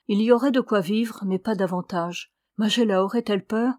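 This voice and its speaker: A woman's voice: medium pitch, normal speed, darkish tone, dry recording, studio quality, lightly acted. A woman reading Alessandro, an anguished young man. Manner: urgent, impassioned pleading.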